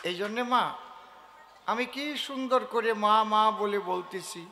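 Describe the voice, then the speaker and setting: Man, folk poet on stage, joking and lecturing, high bright voice, hall echo. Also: unhurried, a little hiss or hum. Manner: joking, earthy, teasing the audience, then lecturing. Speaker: kobigaan folk poet performer. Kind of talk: stage storytelling to a live audience.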